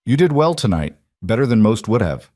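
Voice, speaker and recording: A hard-edged, protective frontier cowboy , played by a man in his own low voice, giving short, commanding orders. The delivery is firm and clipped, dry and close like a storybook reading. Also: very animated, fairly quick, mellow, dry recording. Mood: steady.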